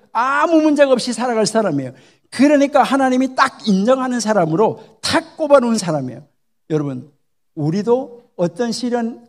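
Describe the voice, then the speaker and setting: A man's voice: high-pitched, a little mellow. A man giving a Bible lecture at a church conference, often posing questions to his listeners and acting out short dialogues. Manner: poses rhetorical questions to the audience; acts out short dialogues in the talk. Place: church hall.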